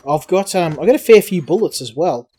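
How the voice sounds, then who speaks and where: A man's voice: sits high, animated, brisk, warm tone, husky. Chatty man talking over a co-op game. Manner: rambling, restarts often, chatty. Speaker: game channel host. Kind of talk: casual co-op gameplay chat.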